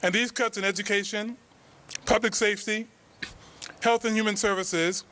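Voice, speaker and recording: Guy doing a campaign speech, high sharp voice, faint noise. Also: steady tone, moderate pace. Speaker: campaign speaker. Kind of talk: public speech.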